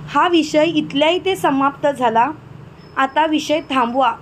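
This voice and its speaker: A woman's voice: high-pitched, a little slow, a little hiss or hum. Malvika, a defiant young woman, read by a woman.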